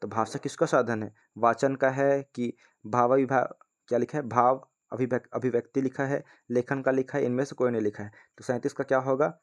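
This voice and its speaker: A man with a mid-range voice and fairly even intonation runs a brisk, casual exam-prep lesson, reading quiz questions aloud. He treats viewers as friends and keeps checking in with repeated phrases like "ठीक है ना."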